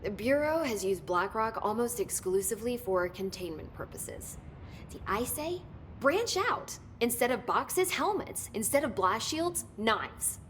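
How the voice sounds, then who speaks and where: An actress voices a nerdy, precise woman scientist in a video game, eager and intense, walking through a technical explanation in a naturalistic style. Her delivery is sing-song and unhurried with a keen, excited mood, while faint rumbling noise sits in the background.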